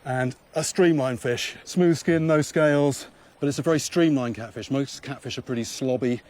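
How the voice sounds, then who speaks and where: A man's voice: medium pitch, normal speed, darkish tone. A man presenting a wildlife show outdoors at a river, explaining and musing aloud, repeating phrases for emphasis. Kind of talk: unscripted on-location presenting to camera. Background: music.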